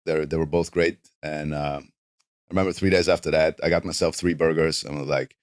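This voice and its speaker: An extremely low-pitched, brisk voice comes from a professional wrestler in his thirties from South Tyrol in northern Italy, who grew up speaking a German dialect and has a German-Italian accent. He's a guest in a casual studio interview, relaxed and rambling with frequent "like"s, and the sound is clean with no room sound.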